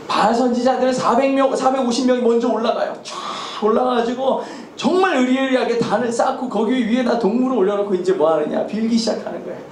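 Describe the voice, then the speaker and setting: High-voiced man preaching in an echoey hall. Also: quick pace, hardly any pauses, a little hiss or hum. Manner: lively storytelling with rhetorical questions and chuckles. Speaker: pastor. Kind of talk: sermon. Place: church sanctuary.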